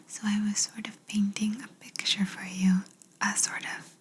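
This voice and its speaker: A woman whispering slowly in an ASMR video, guiding the listener through gentle imagination questions. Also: mid-range voice, flat delivery. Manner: slow soft whisper, asking gentle questions. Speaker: ASMR creator.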